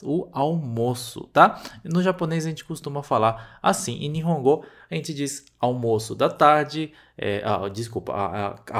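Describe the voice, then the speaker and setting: A Brazilian man with a somewhat high voice teaches Japanese words in a lively, swooping tone. He explains patiently, repeats each word step by step and keeps checking that the listener is following. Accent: Brazilian Portuguese. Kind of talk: language lesson explanation.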